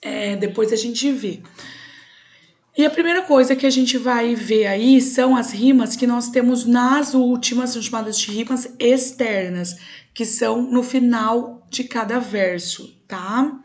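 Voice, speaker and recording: A woman's voice: fairly high pitch, a little mellow. A young adult woman with a Brazilian Portuguese accent, teaching a recorded online class and explaining step by step, often checking in with "tá?".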